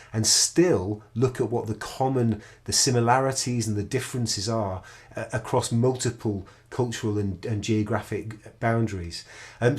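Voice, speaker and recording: Presenting his project in a recording, a middle-aged researcher eagerly explains a research method, repeatedly breaking off and restarting sentences. His voice is lowish with a darkish tone.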